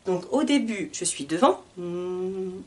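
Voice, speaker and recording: A woman teaching reading, drilling syllables slowly and articulating each one carefully as she guides learners through a board. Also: mid-range voice, big pitch swings, darkish tone. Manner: talks over a board, guiding learners. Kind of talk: slow, deliberate reading lesson.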